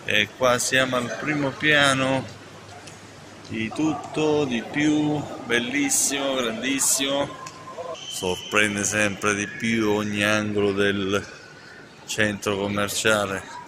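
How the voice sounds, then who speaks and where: Playful low-voiced man touring a mall. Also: fairly even intonation, takes it slowly. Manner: playful, enthusiastic, teasing. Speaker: travel vlogger. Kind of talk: casual walking-tour narration. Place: large indoor shopping mall. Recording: noisy mall ambience.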